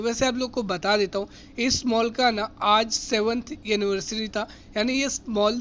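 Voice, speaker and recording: A man's voice: high voice, fairly bright tone, highs cut off, slight background noise. A man casually narrating a tour vlog through a large indoor shopping mall, chatting to viewers as guys and explaining prices and offers. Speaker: vlogger.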